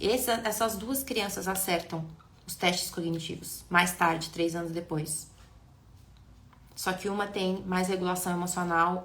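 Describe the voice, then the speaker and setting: A woman explains things with animation and keeps talking straight to her audience. Her voice sits at a middle pitch. The room gives it a noticeable echo. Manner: animated, addresses viewers directly. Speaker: neuroscience educator. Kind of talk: live-stream talk.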